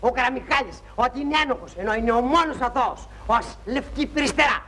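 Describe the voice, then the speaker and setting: An actor playing a naive young soldier in a 1960s film comedy, rambling and apologizing, with pompous turns of phrase. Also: male voice, very high-pitched, pushed and bright. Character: naive, talkative young soldier, pleading and indignant. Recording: noisy old film soundtrack.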